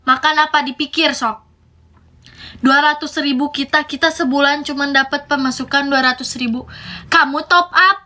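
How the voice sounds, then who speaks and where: A woman's voice: high voice, steady tone, bright, forceful tone. A woman voicing a poor, exasperated mother who scolds her child with a Sundanese accent. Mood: scolding. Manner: nagging, drawn-out scolding.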